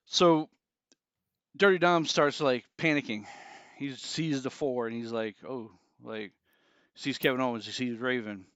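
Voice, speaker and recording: A man's voice: mid-range voice, fairly even intonation, unhurried, fairly bright tone, clean tone, no room sound. A man co-hosting a podcast, casually narrating an imagined match. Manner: storytelling, acts out wrestler quotes. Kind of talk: casual chat. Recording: slightly dull lo-fi sound.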